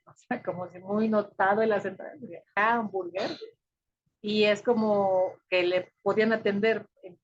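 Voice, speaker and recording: A woman teaches a sociolinguistics class in a slightly husky voice. She explains step by step and keeps checking in with her listeners. The recording is dull and lo-fi. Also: mid-range voice. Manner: explanatory, frequent check-ins with "¿no?" and "este".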